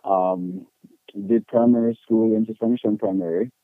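A Jamaican-accented man tells personal stories as an interview guest, candid and emphatic in colloquial speech. His voice is lowish and steady at normal speed, recorded with no room sound and a narrow, tinny quality.

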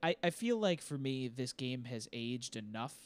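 A man's voice: medium pitch, sing-song, moderate pace, clear, resonant tone. A young adult man co-hosting a casual gaming podcast, talking in a rambling, self-deprecating, jokey way. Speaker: podcast co-host.

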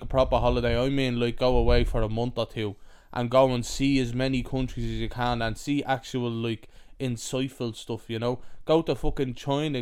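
A man's voice: mid-range voice, a little mellow, clear, resonant tone. A young man with a Dublin accent co-hosting a podcast, chatting casually, swearing freely and telling stories through laughter. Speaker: podcast co-host. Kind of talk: casual chat.

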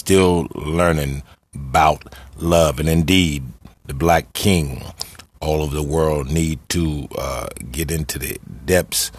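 An American man hosting a show and addressing listeners in a solemn, measured, emphatic way, like an unhurried rally speech. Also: extremely low pitch, slightly rough. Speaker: radio show host and community activist.

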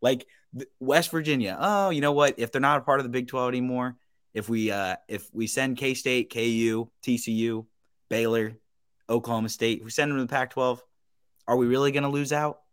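A man's voice: mid-range voice, steady tone, normal speed, fairly bright tone, clean tone, no echo, clean studio sound. A man co-hosting a sports podcast, jokingly formal as he argues his side like a lawyer before a judge. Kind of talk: playful mock courtroom argument.

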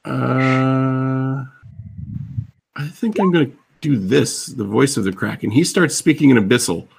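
A man's voice: medium pitch, very animated, fairly quick, gravelly, husky. A man running a tabletop fantasy game as game master, casual and playful with chuckling asides.

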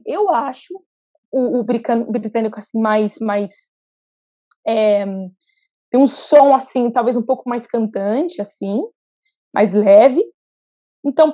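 A woman's voice: a little high, no room sound. A young woman from Brazil with a São Paulo-state Brazilian Portuguese accent, chatting animatedly as a podcast guest, often restarting her sentences. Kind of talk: casual interview chat. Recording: dull, lo-fi sound.

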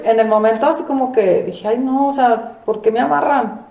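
A woman's voice: a little high, moderate pace, creaky, darkish tone. A woman in a casual group chat, explaining her experiences in an earnest way. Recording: echoey room.

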